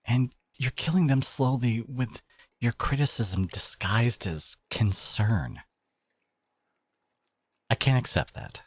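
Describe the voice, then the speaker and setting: Playing a devoted and protective boyfriend in dramatic roleplay audio, this man speaks with emphasis, sarcastic touches and dramatic pauses. His medium-pitched voice is husky with no echo, and his mood is indignant yet resolute.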